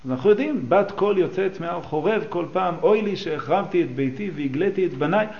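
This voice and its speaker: A religious teacher with a high, animated voice leads a class on a psalm and midrash, going through the texts line by line and posing questions to his listeners. The sound is lo-fi.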